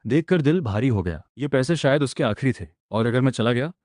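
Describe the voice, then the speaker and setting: A man telling a comic's story in the first person, his voice sitting at an ordinary middle pitch. The delivery is an emotional storyteller's retelling. The sound is dry and close, with no echo. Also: expressive, fairly quick, a little mellow. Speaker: narrator.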